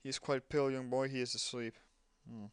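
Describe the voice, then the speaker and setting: A man's voice: medium pitch, little pitch movement, a little fast, clean tone, no room sound. A man doing let's play commentary, reading game dialogue aloud and breaking off with sarcastic asides. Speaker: gamer playing a game.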